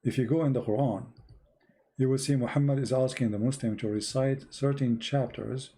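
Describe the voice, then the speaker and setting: This man's voice is medium-pitched, warm, and steady, at a moderate pace, with a little hiss or hum behind it. Speaking English to an online audience, he gives a live-streamed religious talk in a blunt, emphatic way. He repeats himself for emphasis, and his grammar is non-native.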